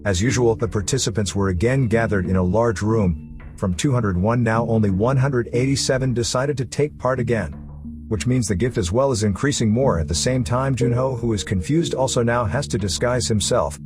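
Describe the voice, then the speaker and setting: With music underneath, a male narrator delivers a scripted story recap in a mid-range voice at normal speed.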